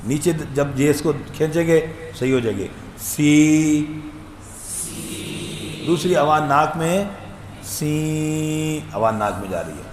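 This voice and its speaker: A man teaching Quran recitation, his voice sitting a little high for a man. He talks conversationally and draws each letter out in long sung demonstrations. The sound is echoey, with a faint hum underneath. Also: very animated, few pauses. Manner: tells anecdotes with humor.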